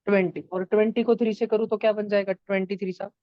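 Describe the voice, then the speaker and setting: A woman's voice: medium pitch, flat delivery, quick pace, dry recording, lo-fi sound. Playful woman teaching math through stories. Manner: playful, acts out number characters in voices. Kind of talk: storytelling math lesson for kids. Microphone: online class.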